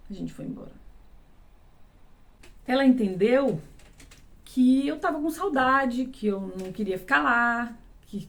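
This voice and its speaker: An adult Brazilian woman giving a personal testimony, halting and emotional, often repeating words. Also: on the high side. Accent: Brazilian Portuguese. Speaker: vlogger.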